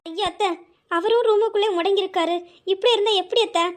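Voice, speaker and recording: A woman's voice: very high-pitched, quick pace. A woman voicing an earnest young daughter-in-law who pleads politely in an amateur audio drama. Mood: pleading.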